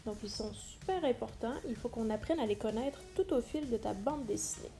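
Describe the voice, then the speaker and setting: With music in the background, a teacher in an instructional video explains a lesson to students in a brisk, gravelly voice on the high side. She talks directly to the listener, stressing the important words.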